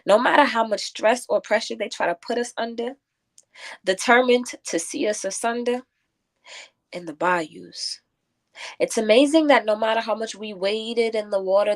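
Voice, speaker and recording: A woman guest with a medium-pitched voice, speaking at normal speed, is a spoken word poet. She shifts between casual talk and rhythmic verse, reciting in a declamatory, rhyming style.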